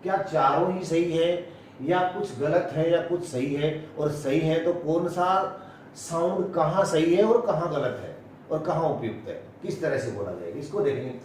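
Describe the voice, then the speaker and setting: A man with an Indian accent teaching English pronunciation, explaining slowly and repeating key words, mixing in English phrases. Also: a little high, a little mellow, a little hiss or hum. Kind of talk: classroom-style explanation. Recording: echoey room, voice from a distance.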